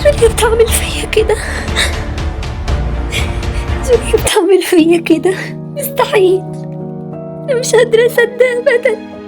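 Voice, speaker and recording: A teenage girl voicing an anxious young bride-to-be with an Egyptian Arabic accent, in an amateur animated drama. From Tunisia. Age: teen. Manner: high-pitched, emotional, insistent.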